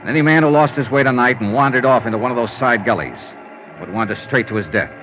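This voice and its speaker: An actor voices a hard-boiled investigator narrating his own ordeal in the first person, in grim, dramatic 1950s radio drama style. His natural, mid-range voice delivers the story deliberately, intensely, and theatrically. The vintage radio recording sounds dull, with prominent music.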